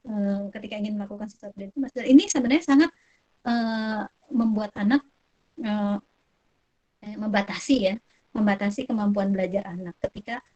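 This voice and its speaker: Mellow-voiced woman on a dull call. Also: mid-range voice. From Indonesia. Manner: relaxed, frequent fillers and soft laughs. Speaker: webinar speaker answering parents' questions. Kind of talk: live webinar Q&A on child development. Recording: dull lo-fi online call audio.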